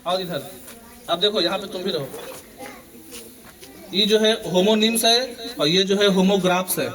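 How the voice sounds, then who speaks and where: Brief: male assembly teacher, higher register, quiz-style delivery over a murmuring schoolyard crowd. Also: normal speed. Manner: quizzing students, repeating questions for chorus answers. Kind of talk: morning assembly lesson. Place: school assembly with students around. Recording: children's crowd audible behind.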